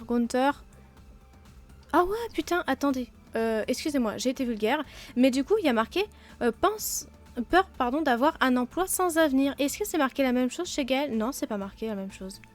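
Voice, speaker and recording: A woman with a cold comments on her game in a fairly high, chatty voice. She jokes at her own expense, filling her sentences with hesitations. Faint music plays underneath. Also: expressive, moderate pace. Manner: chatty, self-mocking, many fillers. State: sick, blocked nose and sore throat. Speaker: let's play host.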